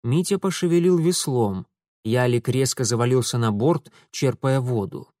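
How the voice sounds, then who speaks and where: A man's voice: medium pitch, moderate pace, warm tone, no echo, studio quality. A man reading an adventure story aloud with dramatic, rhythmic storytelling. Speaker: audiobook narrator. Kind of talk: scripted audiobook narration.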